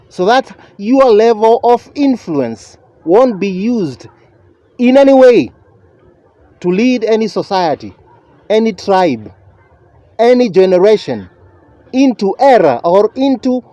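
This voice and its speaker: A man preaching a motivational sermon in a lecturing, emphatic manner, with deliberate, repetitive phrasing. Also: sits high, dark tone, no echo.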